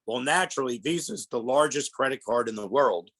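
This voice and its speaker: In a public presentation, a middle-aged Pennsylvania man who is giving a guest talk on elder fraud sounds stuffed up from a head cold. His voice sits in the mid-range with a fairly bright tone and a fairly quick pace. He talks plainly and explains things, addressing listeners as "folks."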